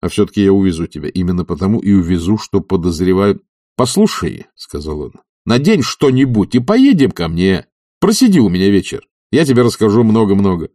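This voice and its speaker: A man voicing an urgent, forceful friend. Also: deep voice, very animated, brisk, no echo, studio quality. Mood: urging. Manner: urgent and insistent. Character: energetic, forceful loyal friend, a man in his prime. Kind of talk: audiobook reading.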